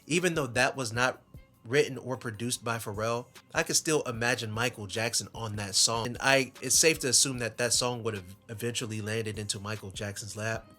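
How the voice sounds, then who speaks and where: A man telling a story in a casual vlog, rambling and chatty, with animated asides. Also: medium pitch, normal speed, faint music behind. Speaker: YouTuber.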